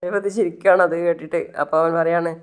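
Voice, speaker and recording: A woman's voice: on the low side, fairly even intonation, quick pace. A woman vlogger retelling a TV serial episode in a loose, casual way, correcting herself as she goes and acting out bits of the dialogue.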